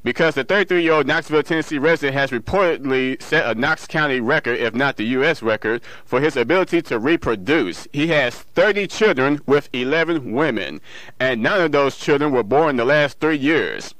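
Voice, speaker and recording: A man who reads local radio news, sports and weather and also DJs a music show speaks from a radio studio in a local broadcast style, occasionally stumbling and correcting himself. His mid-range voice is animated, brisk and a bit bright. The audio is poor, with no room sound.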